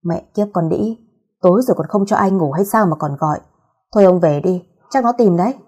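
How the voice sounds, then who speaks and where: A woman's voice: medium pitch, expressive, a little fast, a little mellow, slightly rough. A woman voicing a coarse middle-aged neighbor woman who grumbles, curses and scolds. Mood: scolding.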